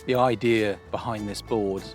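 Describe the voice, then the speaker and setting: Man, cookery show guest, friendly and chatty, hesitant with ums, low voice, faint music underneath. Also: fairly even intonation, unhurried. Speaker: smokehouse owner, guest. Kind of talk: casual interview chat.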